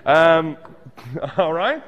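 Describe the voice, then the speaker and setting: A man in his forties with a Québécois accent, teaching a casual songwriting workshop, joking and animated, tossing in English words. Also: on the high side, drawn-out words, long reverb tail, dull audio. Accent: Québécois French. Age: 40s.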